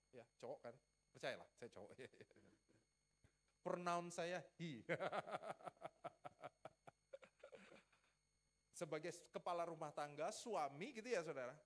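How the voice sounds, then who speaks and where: A male pastor preaching in a relaxed, playful storytelling manner, joking with the congregation and acting out conversations with his wife. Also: high voice. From Riau, Sumatra, Indonesia. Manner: lively storytelling with playful asides, acts out dialogue. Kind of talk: sermon. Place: church.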